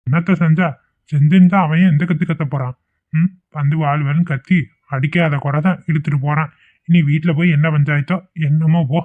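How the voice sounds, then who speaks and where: A man's voice: fairly high pitch, steady tone, a little fast, close to an everyday voice. A man voicing a grumbling older village husband. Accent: Kongu Tamil. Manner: grumbling, gossiping. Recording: tinny lo-fi phone-like audio.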